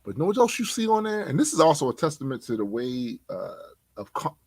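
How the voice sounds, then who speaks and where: A man co-hosting a casual podcast, talking in an animated, slangy way and laughing often. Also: on the high side, brisk, slightly rough, dry recording. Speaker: podcast co-host.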